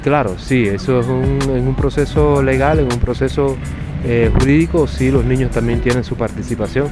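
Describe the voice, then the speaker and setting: A man's voice: medium pitch, steady tone, moderate pace, music in the background. A man from Cuba who works as a doctor, answering questions in a street interview with lots of fillers, stalls and restarts. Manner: hesitant, many fillers and restarts.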